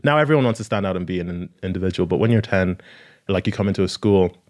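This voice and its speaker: A man in his thirties with a fairly low voice talks as an interview guest. He tells personal stories casually and slips often into quoted speech. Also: expressive, quick pace, a little mellow. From Ireland, raised in Kerry and Mullingar from age ten. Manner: informal, peppered with "like" and quoted speech.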